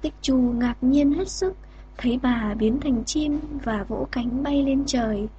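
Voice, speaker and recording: A woman narrating a fairy tale in a slow, gentle reading voice. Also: high-pitched, muffled recording, a little hiss or hum. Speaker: storyteller.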